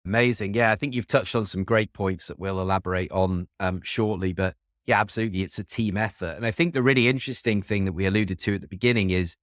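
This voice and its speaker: A man's voice: lowish voice, fast, fairly bright tone, no echo, clean studio sound. A man hosting a podcast interview, welcoming and upbeat as he introduces his guests. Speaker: podcast host.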